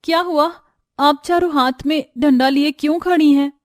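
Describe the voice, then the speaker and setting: Woman doing a scared young girl in a cartoon, crying and begging, super high voice. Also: steady tone, normal speed, dry recording, close to an everyday voice. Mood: startled. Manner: high-pitched pleading cries. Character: frightened young woman, tearful and pleading.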